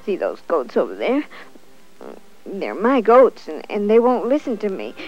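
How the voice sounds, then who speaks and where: A woman's voice: medium pitch, huge pitch swings, a little slow, lo-fi sound, soft background music. A woman voicing an upset little shepherd boy who pleads with his friends. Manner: pleading, frustrated.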